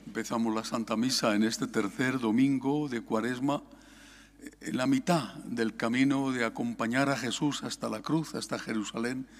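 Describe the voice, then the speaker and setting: A man, a priest leading Mass prayers in a solemn, measured recitation. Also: mid-range voice, steady tone, slight background noise.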